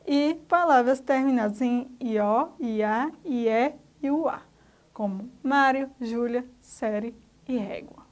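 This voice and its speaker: In a recorded remote lesson for schoolchildren, a teacher with a Brazilian Portuguese accent explains grammar patiently, one step at a time. Her voice is a little high, and she talks a little slowly.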